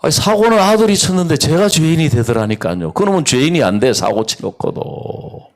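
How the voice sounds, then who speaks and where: A middle-aged man preaching a sermon at an outdoor church service, telling his story with animated swings between hushed asides and raised emphasis. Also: a little high, fast. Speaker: pastor.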